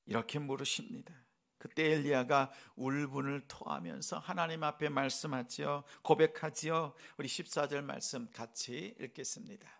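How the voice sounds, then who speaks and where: A male pastor preaching a sermon, asking the congregation questions and acting out gentle quoted speech. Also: on the high side, moderate pace, creaky. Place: church sanctuary.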